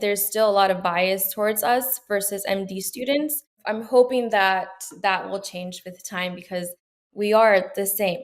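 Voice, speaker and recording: A young woman from Peru, a medical student, answering interview questions in an earnest, reflective way with frequent fillers and restarts. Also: medium pitch.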